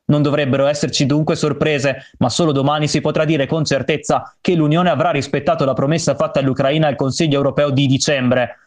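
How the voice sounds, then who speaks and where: Male radio correspondent with a slightly high voice, reading a prepared news report. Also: fairly even intonation, fairly quick, few pauses.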